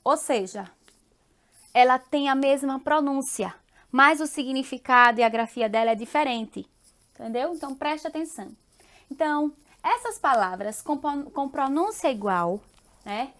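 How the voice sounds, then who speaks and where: A woman from Brazil teaching a remote class, affectionate and patient, often checking in with tag questions and repeating example words slowly. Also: high-pitched, animated, fairly bright tone.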